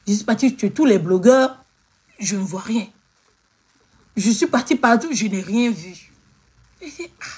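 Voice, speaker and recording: A woman's voice: medium pitch, breathy edge. A woman from Côte d'Ivoire telling her followers what happened, in a casual, repetitive retelling. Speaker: social-media host. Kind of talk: casual storytelling to camera.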